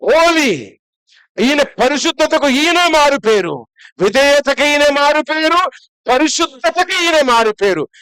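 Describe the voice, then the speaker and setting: Guy pastor w a giving a sunday sermon, chatty and lively, dry close sound. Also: high voice, clear, resonant tone, no echo. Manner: lively and conversational, full of rhetorical questions.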